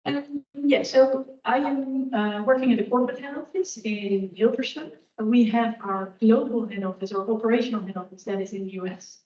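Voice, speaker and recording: A woman's voice: on the high side, normal speed, hardly any pauses, mellow. A woman guest speaker answering audience questions in a candid, reflective way. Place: university lecture hall. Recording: echoey hall, distant dull room mic.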